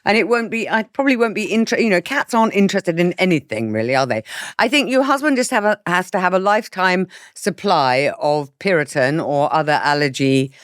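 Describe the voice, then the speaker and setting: A woman co-hosting a casual advice podcast, chatty and quick to laugh, reading out listener letters. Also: lowish voice, animated, no echo, clean studio sound. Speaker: podcast co-host.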